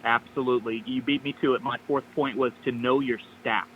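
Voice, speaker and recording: A man's voice: mid-range voice, steady tone, fairly quick, a little hiss or hum. A man calling in by phone on speaker, giving upbeat step-by-step advice in a casual chat. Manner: upbeat, gives step-by-step tips. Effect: heard over a phone line on speaker. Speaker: caller.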